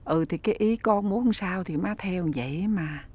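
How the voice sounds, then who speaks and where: A woman's voice: lowish voice, a little mellow, breathy edge. A meek old mother-in-law. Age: older. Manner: hesitant, halting.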